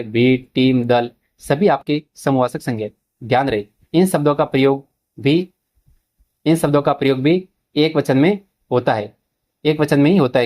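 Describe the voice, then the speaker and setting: A man with a mid-range, darkish voice teaches an exam-prep grammar lesson in Hindi, mixing in English terms. He addresses students as children, asking them questions and answering them himself.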